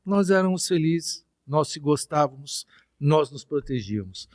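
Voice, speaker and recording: A middle-aged Brazilian man telling a story as a podcast guest, lively and anecdotal, acting out the dialogue. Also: fairly high pitch, a little slow, no room sound, clean studio sound. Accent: Brazilian Portuguese. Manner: lively anecdotal, reenacts dialogue with quoted voices. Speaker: interview guest.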